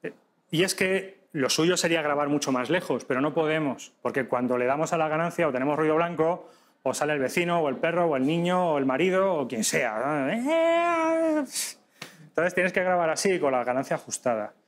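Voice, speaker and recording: A man teaching a live podcasting workshop to an audience, lively and demonstrative, often checking in with quick questions. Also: on the high side. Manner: lively, demonstrative, addresses audience directly with frequent tag questions.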